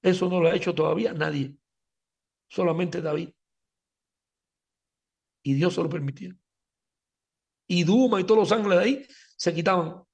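A man's voice: high-pitched, normal speed, creaky, pauses often, a little mellow, breathy edge. A man giving a Talmud class lecture as a religious teacher, emphatic, speaking straight to his listeners and often stumbling over repeated words.

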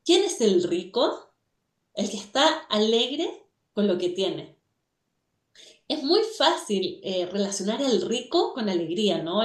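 Woman guest teacher on community radio, fairly high voice, storytelling manner, roomy echo. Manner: storytelling, asks rhetorical questions. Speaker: guest speaker, religious teacher. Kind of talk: reflective talk on a teaching.

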